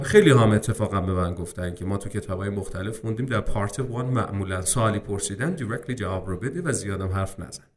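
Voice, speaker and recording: A man teaching English speaking-exam preparation in a casual lesson. He talks to viewers as friends, and his speech is full of English terms. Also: fairly low pitch. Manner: lively, addresses viewers as friends, mixes English terms into Persian.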